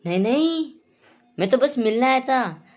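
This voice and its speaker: A woman's voice: sits high, expressive, measured pace, a little mellow, highs cut off. A woman voicing a fussy, easily offended male village schoolteacher who speaks primly and complains. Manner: prim, complaining.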